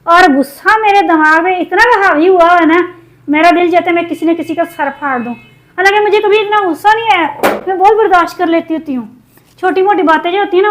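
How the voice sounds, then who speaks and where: Woman from Pakistan, very high voice, upset, sore throat, cooking vlog chat. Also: rough recording. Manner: upset, venting while cooking. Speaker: cooking vlogger.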